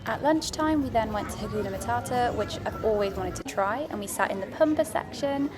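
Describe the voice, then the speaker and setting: A woman's voice: fairly high pitch, brisk, crowd noise. A woman giving a casual, chatty, understated voice-over review as a food and travel vlogger.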